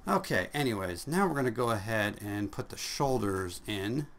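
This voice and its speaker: A man's voice: on the low side, animated, normal speed, a bit bright. A man casually narrating a drawing tutorial, rambling and joking at his own expense. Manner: rambling, jokey, self-deprecating, chuckles often.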